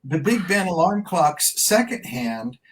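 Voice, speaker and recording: A man's voice: sits high, expressive, unhurried, rough recording. Chatty older man telling a band story. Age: 70s. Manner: rambling, chatty anecdote-telling. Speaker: band member guest. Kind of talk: casual interview storytelling.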